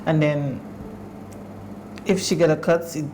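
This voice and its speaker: A woman's voice: deep voice, fairly even intonation, measured pace, mellow, a little hiss or hum, low-quality recording. A woman with a Saint Lucian accent answering as a patient in a consultation. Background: faint music.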